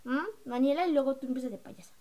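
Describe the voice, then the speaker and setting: A young girl with a high voice chats casually to her camera. She rambles and teases, and she switches into quick impressions of her classmates' lines. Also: mellow. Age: young, school-age. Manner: chatty, mocking, acts out classmates' lines. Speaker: vlogger.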